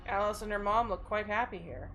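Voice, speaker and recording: A woman's voice: mid-range voice, brisk, a bit bright, soft background music. A woman gamer chatting casually with a partner as they play and read a game aloud. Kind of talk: casual co-op let's play chat.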